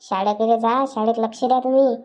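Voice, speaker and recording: A woman's voice: on the high side, fairly even intonation, a little mellow, close to an everyday voice. A woman voicing a grumpy scolding village man. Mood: preachy advice. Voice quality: scolding, coarse, rapid grumbling.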